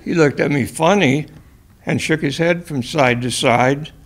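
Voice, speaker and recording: Slow, gravelly male storyteller. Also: fairly high pitch. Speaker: story reader. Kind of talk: reading a first-person short story aloud.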